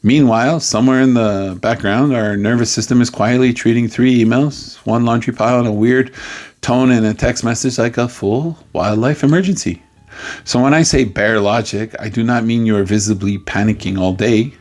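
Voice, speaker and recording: A man as a life coach, giving a playful, jokey coaching talk with sudden loud outbursts. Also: mid-range voice, fairly even intonation, normal speed.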